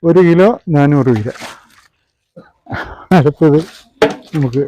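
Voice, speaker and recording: A man speaks in a somewhat high voice. He gives casual, practical commentary as a fish seller hosting a vlog. Faint noise and clicks sit behind him. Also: takes it slowly, dark tone, lo-fi sound. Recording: clear background noise with clicks.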